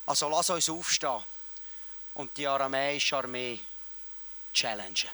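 A man's voice: medium pitch, moderate pace, sharp tone, pitched below the performer's own voice, close to an everyday voice. A man voicing a desperate, starving male leper who rallies his friends, speaking bluntly.

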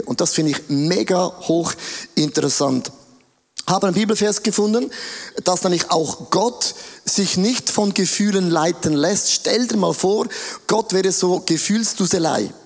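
A man delivers a sermon, playful and animated, often slipping into little acted voices. His voice sits high, and the sound carries the long echo of a large hall. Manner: animated, playful, acts out quotes. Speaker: preacher. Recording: reverberant hall.

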